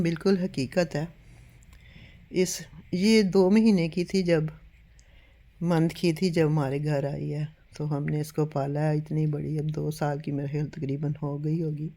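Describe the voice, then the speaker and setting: Weak, unwell older woman, mellow voice. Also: low-pitched. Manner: earnest, repeats appeals to believe her. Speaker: home vlogger. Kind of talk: casual storytelling to camera. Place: at home.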